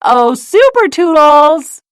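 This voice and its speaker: A woman's voice: high voice, big pitch swings, takes it slowly, no room sound, voice pushed up, exaggerated voice. A woman voicing a spirited, plucky female cartoon mouse superheroine with emphatic storybook delivery. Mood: excited.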